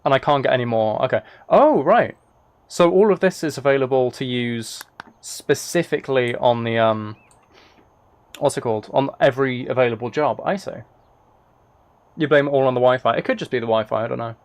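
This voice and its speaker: Casual gameplay chatter comes from a man live streaming a video game, his mid-range voice moving fairly quickly. He rambles and thinks out loud as he plays.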